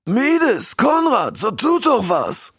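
A man voicing a pompous male eagle king who pleads slowly and whines, with odd word order. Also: high-pitched, huge pitch swings, fairly bright tone, slightly rough, no echo, studio quality, pitched above the performer's own voice, heavily acted. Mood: pleading.

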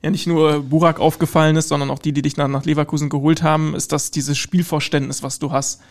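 A man's voice: fairly high pitch, level tone, fast talker. A man hosting an interview podcast, asking friendly, thorough questions with fillers. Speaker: podcast host. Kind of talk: casual interview.

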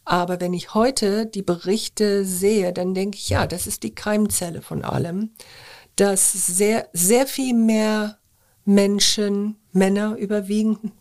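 An older woman, a former journalist, answering interview questions in a measured, thoughtful way with frequent hesitations. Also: mid-range voice, fairly even intonation, a little mellow.

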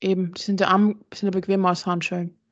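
A woman's voice: medium pitch, level tone, fast talker, dry recording. A woman co-hosting a podcast in casual chat, laughing and answering with dry comebacks. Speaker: podcast co-host. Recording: dull lo-fi recording.

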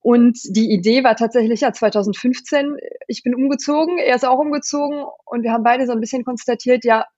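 A woman's voice: a little high, brisk, darkish tone, no room sound. Woman from Germany, founder, thoughtful with fillers, dry muffled sound. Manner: thoughtful, many fillers and restarts. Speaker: company founder, guest. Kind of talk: casual interview talk.

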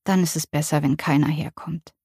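A woman reading the part of a frail, childlike elderly mother in a care home, speaking softly and simply. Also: low-pitched, steady tone, normal speed, husky, no room sound, studio quality. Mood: musing. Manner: soft, quiet and simple.

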